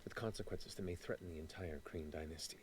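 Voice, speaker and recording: A man hosting a show, briskly reading sponsor announcements. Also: low voice, crowd noise. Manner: brisk ad read. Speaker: show host.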